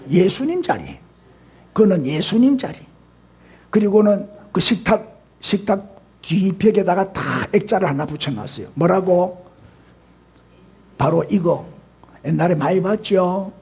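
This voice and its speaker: A man's voice: sits high, mellow. A male senior pastor preaching a sermon, firing rhetorical questions at the congregation. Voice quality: husky.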